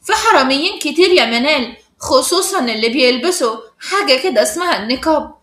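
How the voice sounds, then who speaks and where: A woman with an Egyptian accent voicing a spiteful, scheming teenage schoolgirl with a sneering, shrill way of talking. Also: lively intonation, quick pace, fairly bright tone, reverberant. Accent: Egyptian Arabic.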